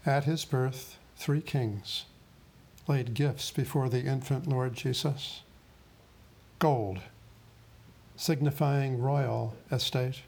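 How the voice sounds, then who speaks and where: A man delivers a slow, solemn sermon at an even middle pitch. He lingers over every phrase and pauses gravely.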